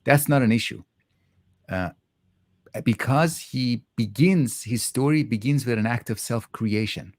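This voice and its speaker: A man speaking reflectively in a conversational interview, halting often as he thoughtfully searches for words. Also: mid-range voice, dry recording, clean studio sound.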